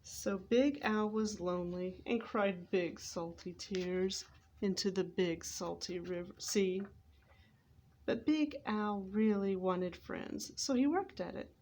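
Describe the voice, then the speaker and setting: Reading a children's story from a script for readers theater, a woman narrates expressively and occasionally trips over the words. She has a medium pitch and a darkish tone, speaks slowly, and there's slight background noise.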